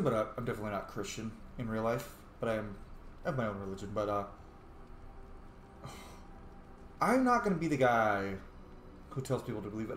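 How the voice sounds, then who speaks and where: A game streamer and role-player talks casually through a video game playthrough, rambling and thinking aloud while reading dialogue choices in character. His voice sits in the mid range with a fairly bright tone. The home recording sounds roomy and noisy.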